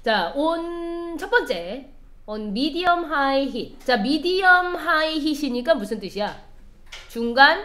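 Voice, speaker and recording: Lady english teacher going through a text with the class, asks questions, slow and lively. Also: high voice. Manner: explains step by step, quizzes the class. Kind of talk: classroom lecture.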